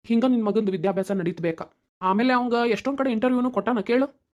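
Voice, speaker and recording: Fast-talking, earnest wealthy uncle, voiced by a woman, North Karnataka accent, cartoon, dull lo-fi sound. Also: fairly high pitch, a little mellow, close to an everyday voice. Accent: North Karnataka Kannada. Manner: earnest, reassuring, long explaining speeches. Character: wealthy kindly middle-aged man, family friend. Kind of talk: cartoon voice acting.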